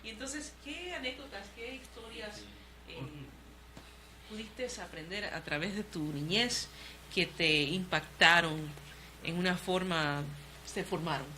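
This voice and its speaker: A woman's voice: fairly low pitch, expressive, a little slow, noisy background. A woman hosting an interview, asking friendly questions and slipping in English words.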